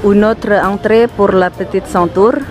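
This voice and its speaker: Unhurried and a little mellow, her mid-range voice stays steady as she vlogs outdoors in a city with music underneath. She has a Sundanese-Indonesian accent and comes across hesitant, playful and full of fillers.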